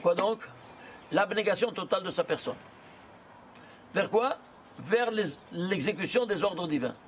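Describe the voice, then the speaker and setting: Animated man teaching, high lively voice. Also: unhurried, background noise. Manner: animated, asks and answers his own questions. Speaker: Torah teacher. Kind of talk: lively lesson on gematria.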